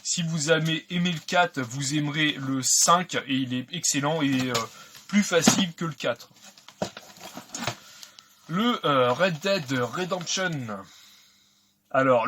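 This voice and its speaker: A man's voice: on the high side, a bit bright. Chatty man unboxing games, noisy background. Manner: chatty, hesitant with many fillers. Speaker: video game collector vlogger. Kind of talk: casual unboxing commentary.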